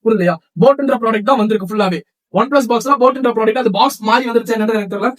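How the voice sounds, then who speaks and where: A man from Tamil Nadu who runs a shop, chatting rapidly through a product demo and sales pitch and often checking with viewers. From Tamil Nadu, India. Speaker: shop seller presenting products.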